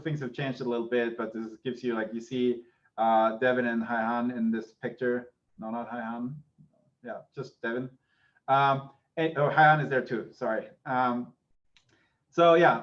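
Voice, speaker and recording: Through a muffled recording, a mid-range male voice carries an Austrian accent. The speaker, a middle-aged native German speaker from Austria and an associate professor, is giving an informal university lecture online.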